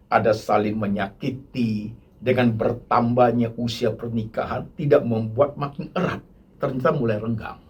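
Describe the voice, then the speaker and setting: Emphatic husky-voiced male pastor preaching. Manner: rhetorical questions, emphatic swings between loud high bursts and low quiet asides; addresses the congregation repeatedly. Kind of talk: sermon.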